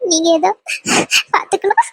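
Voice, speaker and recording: A woman voicing an anxious, tearful mother of a new bride in a cartoon, pleading and repeating her worries in a high voice. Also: fairly even intonation, a little fast, dry recording, lightly acted. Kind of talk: cartoon voice acting.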